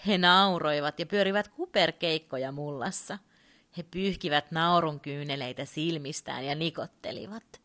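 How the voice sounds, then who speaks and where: A woman gently reading a children's story aloud. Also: low-pitched.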